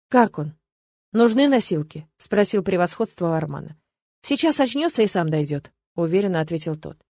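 A woman reading a first-person audiobook with lively, ironic storytelling, in a dry close sound. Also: mid-range voice, no room sound. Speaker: audiobook narrator.

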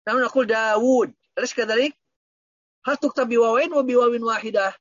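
A man's voice: very high voice, steady tone, fast talker, no room sound, lo-fi sound. A man teaching Arabic grammar online, patiently repeating points and quizzing his students.

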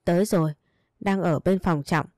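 A woman voicing a calm, reassuring young man who helps the mother, in a read-aloud story. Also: lowish voice, moderate pace, dry recording, studio quality, natural voice. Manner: calm, reassuring, a bit stubborn. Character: kind, steady young man neighbor.

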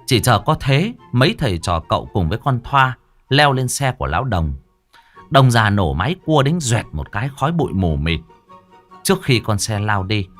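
A man narrating a comic folk tale in a lively, animated storytelling manner. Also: lowish voice.

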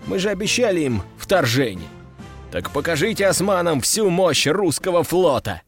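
A man's voice: a little high, big pitch swings, normal speed, faint music behind. A man voicing a smug, scheming commander who gives bold orders in an audiobook. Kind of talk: audiobook dialogue.

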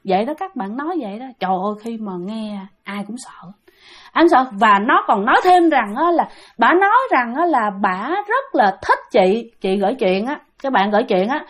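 Woman host, Southern Vietnamese accent, high voice; chatty ghost-story teller who talks straight to her listeners. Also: big pitch swings, normal speed, a bit bright. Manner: chatty, keeps addressing listeners directly. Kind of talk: casual ghost-story telling.

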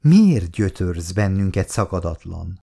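A man's voice: sits low, big pitch swings, creaky, mellow, pitched below the performer's own voice, heavily acted. A man reading a story aloud and voicing a weary, anxious mother who pleads with and reproaches her drunk husband. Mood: desperate.

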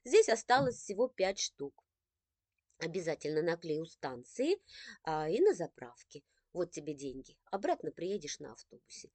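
A playful, patient mother calms her children in a soothing, conciliatory tone, as a woman reading the storybook puts her on. The voice is close and dry, with a lively, moving pitch. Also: moderate pace, no room sound.

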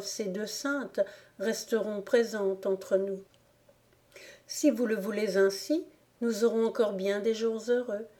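A woman reading the lines of a grave, dignified young woman, earnest and measured. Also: medium pitch, warm tone, lightly acted. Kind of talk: audiobook character reading.

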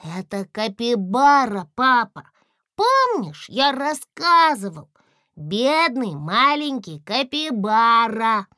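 A woman voicing a cheerful little boy dragon who speaks eagerly and excitedly. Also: slow pace, no room sound, clean studio sound, exaggerated voice. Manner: bright, excited, high, loud exclamations.

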